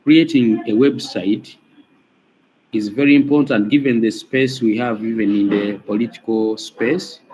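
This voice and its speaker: Man, Ugandan English accent, student, very slow, deliberate, faint noise, lo-fi call. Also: mid-range voice, darkish tone. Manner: slow, deliberate, with long pauses. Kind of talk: class discussion. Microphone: video call.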